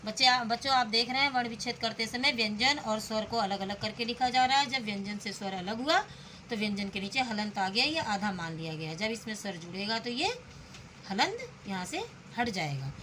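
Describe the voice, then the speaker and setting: A woman with a bright, slightly high voice teaches a children's lesson. She spells each word out one sound at a time and stops to put questions to her pupils. A faint hiss sits under the recording. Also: lively intonation, fairly quick. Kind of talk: slow, patient classroom explanation.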